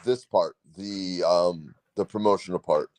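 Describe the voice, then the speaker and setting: A man's voice: low-pitched, measured pace, background noise. A man in his forties, a guest on a podcast, telling his story in a rambling way, acting out what he said and often laughing. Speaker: guest comic writer. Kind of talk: casual podcast chat.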